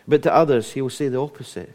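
A man's voice: medium pitch, quick pace, darkish tone. A middle-aged Scottish man preaching a sermon in a conversational way, often restarting and repeating words as he goes. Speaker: pastor.

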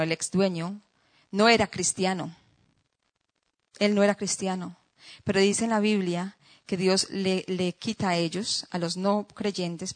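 Woman preacher delivering an emphatic sermon. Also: medium pitch. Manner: emphatic, repeats phrases, checks in with listeners. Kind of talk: sermon with rhetorical questions to the congregation.

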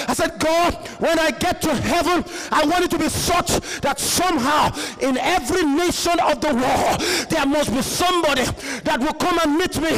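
A Nigerian man preaches a Pentecostal sermon with fervour, often breaking into shouts and urging the crowd to listen. His voice sits very high. It rings out with the long reverb of a big church hall. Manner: fervent, rising to shouts, repeats "listen to me".

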